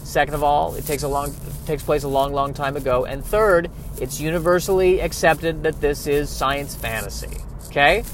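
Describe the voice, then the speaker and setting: A man's voice: fairly high pitch, normal speed, few pauses, a little hiss or hum, close to an everyday voice. A man playing Science, apologetic and awkward. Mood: exasperated. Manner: hesitant, apologetic breakup tone. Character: awkward personified Science phoning a movie.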